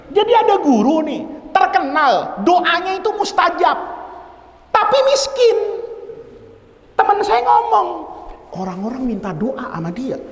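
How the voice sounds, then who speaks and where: A young man preaching a sermon, telling stories animatedly and acting out the voices of people he quotes. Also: very high-pitched. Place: mosque hall. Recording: echoey mosque hall.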